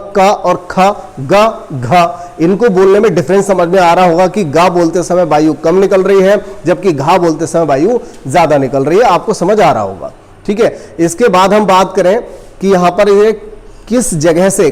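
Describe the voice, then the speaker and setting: A man teaching a coaching class, explaining step by step and slowly repeating sounds for students. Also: high-pitched, darkish tone. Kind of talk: classroom lecture. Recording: long reverb.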